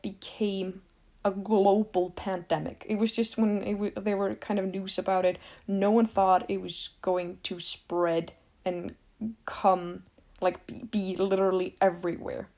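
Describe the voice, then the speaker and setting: Slow, mellow teenage girl from Iceland. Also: mid-range voice, little pitch movement. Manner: rambling, sarcastic, with frequent fillers. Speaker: vlogger. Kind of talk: casual rant to camera.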